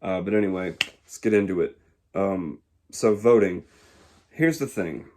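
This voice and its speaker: A man in his twenties from Georgia, speaking in a casual, reflective monologue that pauses often to find the words. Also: deep voice, noisy background. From Georgia, USA. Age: 20s. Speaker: YouTuber.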